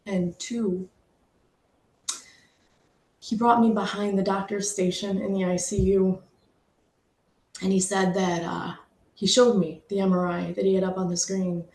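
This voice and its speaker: Woman, middle-aged, mid-pitched, emotional personal storytelling, echoey room. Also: level tone, a little mellow. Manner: emotional, heartfelt, pausing, fighting back tears. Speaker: speaker sharing a personal story.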